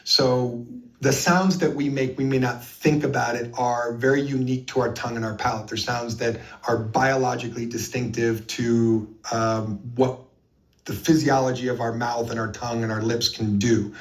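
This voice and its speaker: A man's voice: mid-range voice, steady tone, moderate pace. An earnest man recounts his experiences as an interview guest, leaning hard on key points between frequent ums. His voice sits in a mid range and sounds a little distant from the microphone. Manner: earnest, emphatic, with many fillers.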